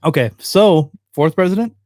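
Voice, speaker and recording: Wisecracking man with a lively voice. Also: fairly high pitch, normal speed, dry recording, studio quality. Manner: playful, wisecracking. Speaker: podcast co-host. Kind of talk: casual chat.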